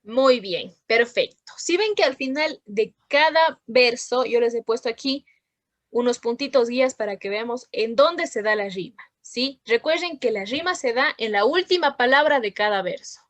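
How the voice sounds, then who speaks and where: High-voiced teacher checking in often. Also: female voice, lively intonation, normal speed, dry recording. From Ecuador. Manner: patient, checks in with frequent questions. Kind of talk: online class lesson.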